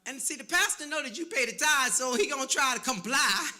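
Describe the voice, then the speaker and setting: Bright, teasing preacher-comedian in a roomy hall. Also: male voice, very high voice, expressive, a little fast. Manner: loud, teasing crowd work with call-and-response. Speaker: pastor and comedian. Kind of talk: stand-up comedy set. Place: church sanctuary before a live audience.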